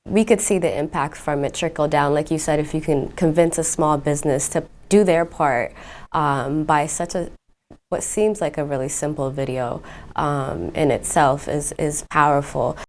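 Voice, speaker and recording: A woman's voice: sits low, normal speed. A woman hosting an interview, asking questions in a supportive way with frequent fillers. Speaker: interview host.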